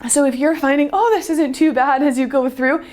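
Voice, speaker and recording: Fitness instructor, woman, high voice, upbeat cueing, winded from exercising. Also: steady tone, fairly quick, a little mellow. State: out of breath. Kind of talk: workout demonstration.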